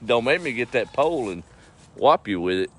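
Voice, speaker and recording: Very animated and speaking at a moderate pace, this middle-aged man has a mid-range voice and an East Texas accent. He chats casually on a farm livestream outside, folksy and laid-back, addressing both his animals and the people watching, with faint outdoor noise in the background.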